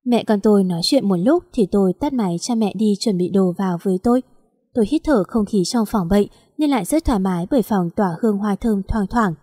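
A woman reading a story aloud in a steady, even narration. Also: medium pitch, breathy edge, dry recording, clean studio sound.

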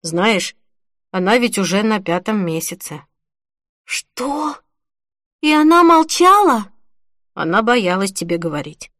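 A woman's voice: on the high side, normal speed, dry recording, clean studio sound, close to an everyday voice. A woman reading the part of a grown man who earnestly and firmly consoles a grieving friend in an audiobook. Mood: gentle, firm. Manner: earnest, persuasive, gently firm.

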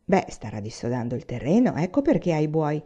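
A woman reading the part of an eager, lively teenage girl in a storybook. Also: low voice, fairly quick, husky, dull audio, full character voice.

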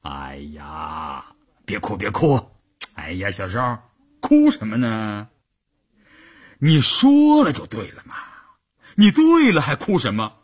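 A man's voice: a little high, fairly quick, pushed and bright, husky, voice pushed up. A man voicing a stubborn middle-aged army commander who blusters and then coaxes. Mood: coaxing. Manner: blustering, wheedling by turns.

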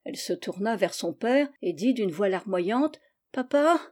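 Woman audiobook narrator, steady and measured, mellow tone. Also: mid-range voice. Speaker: reader.

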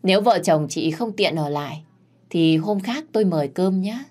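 A woman's voice: on the low side, expressive, normal speed, darkish tone. A woman voicing a scheming middle-aged mistress of the house who makes cool, pointed remarks.

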